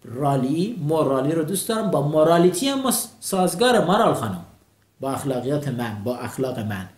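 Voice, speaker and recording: A man teaching English words through memory tricks. His voice sits fairly high, and he drills each word by saying it several times. The sound is roomy and echoey. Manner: animated, drills words by repetition. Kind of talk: mnemonic vocabulary lesson.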